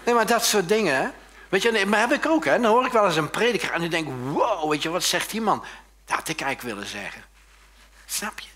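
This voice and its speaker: Man, pastor, sermon, husky, forceful, jokes, tag questions to congregation. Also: high voice, quick pace. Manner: lively and joking, often tags questions to the congregation.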